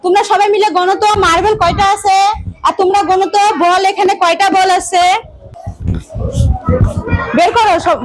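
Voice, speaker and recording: A woman's voice: extremely high pitch, level tone, normal speed, pauses often, a little hiss or hum. A woman from Bangladesh teaching young children in a classroom, patiently repeating instructions and asking questions. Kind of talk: classroom lesson for small children.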